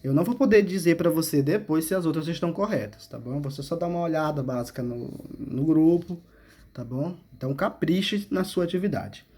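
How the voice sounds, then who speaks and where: Teaching remotely, this man goes through a school exercise one step at a time and frequently pauses to ask questions. His voice sits fairly high, brisk, slightly mellow and husky.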